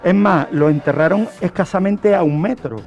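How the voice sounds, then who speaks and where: On a radio programme, a true-crime contributor with a Spanish accent explains a crime story in a teaching manner, posing rhetorical questions. His high voice is creaky and darkish at a moderate pace, and the muffled recording has music playing underneath.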